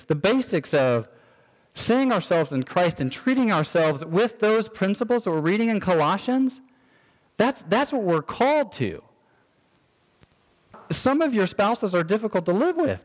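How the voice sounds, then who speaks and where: Man, conversational sermon, lively swooping delivery, high voice, acts out quotes, restarts a lot, long hall reverb. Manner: frequent restarts and repeated words. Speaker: preacher.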